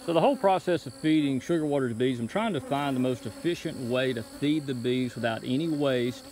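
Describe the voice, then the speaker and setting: A man in his thirties briskly walks through a beekeeping task in a laid-back, step-by-step how-to vlog, shot on a phone he holds while working outdoors among the hives. His voice sits in the mid range, and the low-quality recording is full of clearly humming insects.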